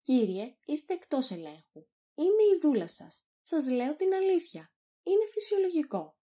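A woman's voice: sits high, very animated, warm tone, pitched above the performer's own voice. A woman reading a cheeky, outspoken maid. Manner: blunt, teasing. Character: cheeky, outspoken female servant.

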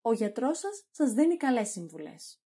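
A pompous old quack doctor who blusters through every answer, as a woman reads his lines. The voice is husky and mellow with a lively pitch. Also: exaggerated voice.

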